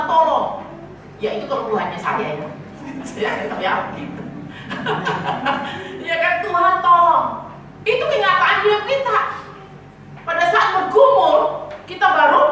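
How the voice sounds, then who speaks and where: Woman preacher, high bright voice, teasing sermon, echoey hall from far off. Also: slight background noise. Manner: lively, teasing, calls to the congregation.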